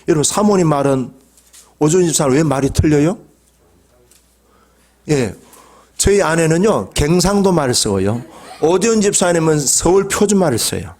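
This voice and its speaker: Middle-aged pastor guy preaching, kinda high voice, goes quiet then loud, keeps asking the church questions. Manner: swings between low quiet asides and raised emphatic calls; asks the congregation questions. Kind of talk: sermon.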